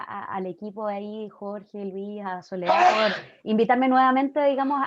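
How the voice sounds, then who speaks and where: Una conferencista chilena habla por videollamada, relajada e informal. Su voz es algo aguda y el sonido llega opaco y sin eco de sala. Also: female voice, fairly high pitch, dry recording. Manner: friendly, informal, many fillers. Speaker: guest lecturer. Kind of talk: online class talk. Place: home, video call. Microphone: computer mic on video call. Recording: dull, dry video-call audio.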